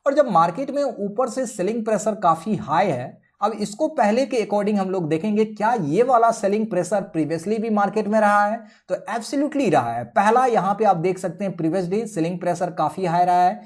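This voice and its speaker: A man's voice: sits high, expressive, moderate pace, hardly any pauses. A man giving a step-by-step chart-reading tutorial over a screen share. He keeps checking in with his viewers as he explains. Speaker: trading educator.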